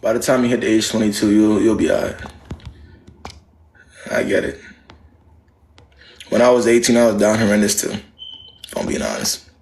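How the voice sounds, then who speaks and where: A man's voice: on the low side, little pitch movement, normal speed, long pauses, darkish tone, slight background noise, poor audio. Slangy, blunt American man hosting live. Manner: slangy, blunt, repeats phrases for emphasis. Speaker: live stream host giving dating advice. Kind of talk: casual live chat.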